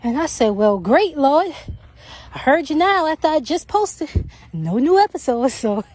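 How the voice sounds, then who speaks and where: A woman's voice: high voice, very animated, unhurried, a little mellow, dry recording. A woman podcast host, out of breath from walking outdoors on a track, giving casual, repetitive faith encouragement. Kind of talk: faith-based encouragement talk.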